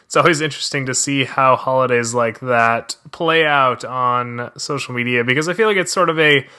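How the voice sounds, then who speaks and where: A man speaks as a podcast host in a conversational style. His voice sits at an average pitch and has a bright, crisp edge. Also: moderate pace. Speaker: podcast host, social media strategist. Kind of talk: podcast talk on marketing.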